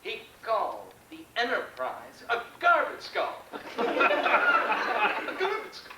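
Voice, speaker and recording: Casting: male stage actor as a high-pitched, grandiose, deluded starship captain, indignant, halting with dramatic pauses, comic monologue, recorded in an echoey room. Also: wildly swooping pitch, a loud crowd, full character voice. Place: indoor stage performance. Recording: roomy, distant mic, noisy stage recording.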